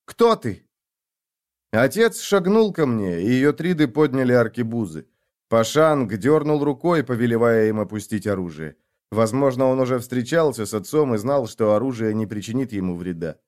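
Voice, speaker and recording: A man reads a fantasy novel aloud in the first person. His reading is dramatic and expressive, at an ordinary male pitch. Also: moderate pace. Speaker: audiobook narrator. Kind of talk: scripted first-person narration.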